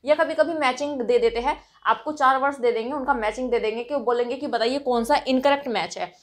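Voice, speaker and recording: A woman's voice: high voice, fast. A woman with an Indian accent, teaching English grammar for competitive exams, explaining patiently and checking in often. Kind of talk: exam-prep grammar lesson.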